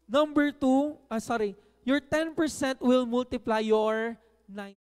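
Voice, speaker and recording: A preacher with a very high, clean voice speaks slowly, his words trailing into a long reverb. His conversational sermon mixes Tagalog and English, stressing key words and frequently tossing "No?" to the audience.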